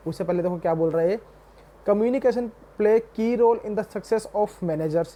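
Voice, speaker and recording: A young man teaching a commerce class, reading English definitions slowly and then explaining them in a mix of Hindi and English while calling his students "beta". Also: high-pitched, mellow. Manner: addresses students fondly as "beta". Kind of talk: classroom lecture.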